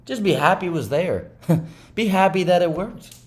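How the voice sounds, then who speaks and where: A man's voice: high voice, expressive, moderate pace. Guy venting to himself on a trading vlog, rambly, kinda self-critical, keeps saying right. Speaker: day trading vlogger. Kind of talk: candid self-talk monologue.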